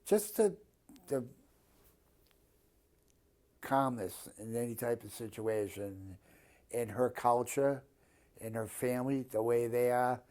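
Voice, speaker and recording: A Boston-area man in his fifties answers an interviewer's questions in a casual chat, blunt, plain-spoken and prone to swearing. His mid-range, slightly mellow voice moves slowly, with frequent pauses.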